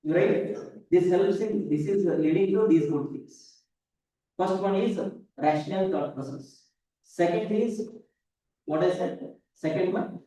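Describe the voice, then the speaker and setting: A man's voice: high voice, unhurried, warm tone. A man with an Indian accent lecturing a class, repeating key points and often checking that students follow. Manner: didactic, repeats points, frequent check questions like "correct?" and "right?". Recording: roomy echo, voice distant from mic.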